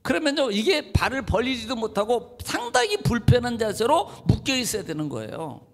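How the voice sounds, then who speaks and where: A man preaching a sermon as a pastor, animated and swinging between low murmurs and raised exclamations. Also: normal speed, faint music behind. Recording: long hall reverb.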